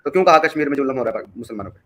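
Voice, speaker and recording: A man's voice: medium pitch, animated, fairly bright tone, dry recording. A man from India hosting a heated debate, pressing his question again and again. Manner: insistent, keeps repeating his question. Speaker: host.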